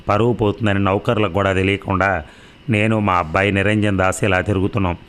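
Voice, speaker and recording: A man's voice: deep voice, fairly bright tone. A man voicing an anxious, tired old landlord who speaks in a polite, pleading way in an audio story.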